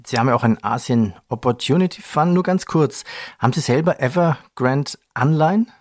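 A man's voice: mid-range voice, brisk, a little mellow, dry recording, clean studio sound. Man moderating a finance podcast.

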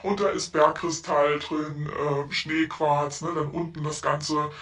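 Woman's voice disguised deeper by a voice changer. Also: little pitch movement, takes it slowly, a bit bright, distant mic. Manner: chatty, gushing, frequent "ne?" tags. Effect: voice changer lowering her voice to sound deeper and disguised. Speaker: seller of spiritual crafts. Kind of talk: voice message.

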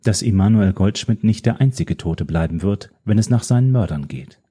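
A man voicing a calm, mysterious woman informant who speaks in a measured, quietly menacing way. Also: fairly low pitch, husky. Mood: cool, composed.

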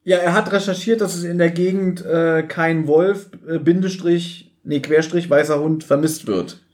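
This man has a fairly high voice and talks in a casual podcast chat. He retells scenes in a lively way and laughs often as he goes. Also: moderate pace. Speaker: podcast co-host. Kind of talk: casual chat recapping an audio drama.

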